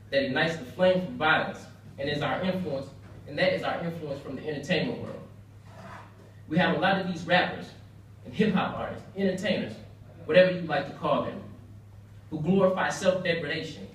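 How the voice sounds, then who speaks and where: Young American man, slightly high voice, emphatic speechmaking, earnest, repeated phrases, heavy room echo. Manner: earnest, emphatic, with rhetorical repetition. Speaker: speaker at a banquet. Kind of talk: prepared persuasive speech. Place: indoor banquet room, heard from far off. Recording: very echoey room, distant mic, faint noise.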